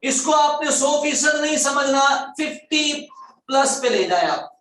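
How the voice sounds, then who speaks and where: A man teaching a grammar class in a fairly high voice. He repeats terms over and over, asks his students questions and draws words out slowly to stress them. The recording is very echoey, and the voice sounds far from the mic. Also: animated, a bit bright. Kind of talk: online grammar class lecture.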